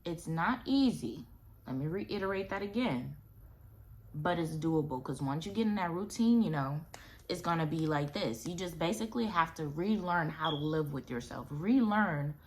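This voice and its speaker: A young adult woman and new mother giving casual, reassuring advice to camera in a chatty, slangy way. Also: low-pitched.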